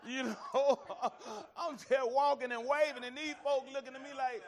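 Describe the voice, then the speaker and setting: Very high-pitched and fairly quick, with fairly even intonation, an Alabama preacher teaches scripture in a conversational sermon. He leans folksy and emphatic, repeats phrases to drive them home, and often speaks to the room as y'all.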